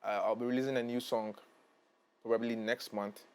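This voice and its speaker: A man's voice: medium pitch, flat delivery, brisk, clear, resonant tone. A young man from Ghana, a musician guest, speaking earnestly and hesitantly, often repeating himself. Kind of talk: casual interview chat.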